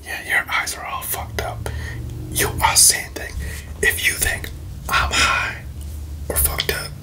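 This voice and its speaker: A young man doing a playful, teasing whispered role-play for ASMR, breathy and close to the mic, with tingly wet mouth sounds. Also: pushed and bright. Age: young adult. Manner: playful, teasing, slow murmured repetitions. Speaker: ASMR video creator. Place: small bedroom, indoors. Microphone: close desk microphone in front of him.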